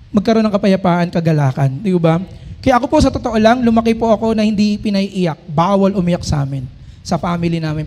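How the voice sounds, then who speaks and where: A middle-aged male pastor preaching a sermon, often calling out to the congregation and reading scripture slowly and loudly. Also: very high voice. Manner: preaching with frequent call-and-response to the congregation.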